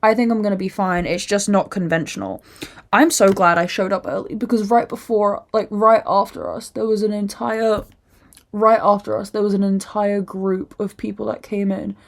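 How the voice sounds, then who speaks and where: A woman's voice: medium pitch, normal speed. Foul-mouthed young woman telling a story. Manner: swearing, animated, rambling storytelling; acts out other people's lines in put-on voices. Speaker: podcast host. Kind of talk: casual storytelling podcast.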